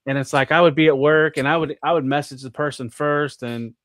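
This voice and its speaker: A man's voice: a little high, fairly even intonation, a little fast, a bit bright, no echo. An American man, a guest on a podcast, chatting in a rambling way full of "like" and restarts. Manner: rambling, filler-heavy with many restarts. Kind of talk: casual chat.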